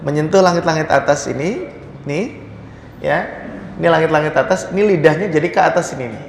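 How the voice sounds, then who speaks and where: A man teaching a Quran recitation class, repeating sounds slowly in drills and talking casually with many "ya" and "gitu" fillers. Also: a little high, creaky, roomy sound, in a large hall, a little hiss or hum. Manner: drawn-out pronunciation drills, frequent "ya" and "gitu". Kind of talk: casual tajwid lesson with demonstrations. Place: prayer room, indoors.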